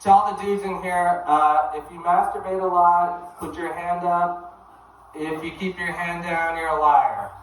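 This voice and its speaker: A man doing a deadpan, halting stand-up set in a comedy club, from Canada. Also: high voice, a little hiss or hum. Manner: deadpan, hesitant with many ums and uhs. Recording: very echoey room, from far off.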